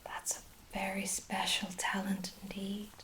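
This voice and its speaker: A woman with an Irish accent in a soft whispered role-play, playing a gentle, attentive hair sorcerer with old-fashioned storybook phrasing. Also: mid-range voice, completely flat delivery, a little slow, low-quality recording. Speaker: ASMR performer.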